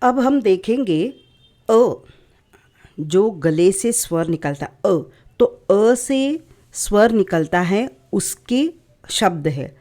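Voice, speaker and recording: A woman teaching young children in a very slow, unhurried voice, sounding out each letter patiently. She mixes English words into her explanations. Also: mid-range voice, expressive, mellow. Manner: slow, patient, syllable-by-syllable drilling. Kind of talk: children's lesson.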